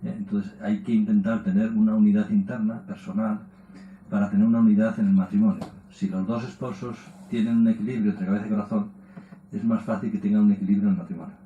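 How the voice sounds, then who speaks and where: A man's voice: fairly low pitch, little pitch movement, fast talker, roomy sound, phone-quality sound, a little hiss or hum. A man giving a lecture, tossing in rhetorical questions and tag words as he explains. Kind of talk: public lecture.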